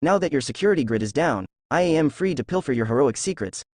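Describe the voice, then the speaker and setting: A man voicing a young male wannabe supervillain who speaks grandly, with dramatic pauses, in a fan fiction reading. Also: fairly high pitch, lively intonation, a little mellow, dry recording, clean studio sound. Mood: grandiose.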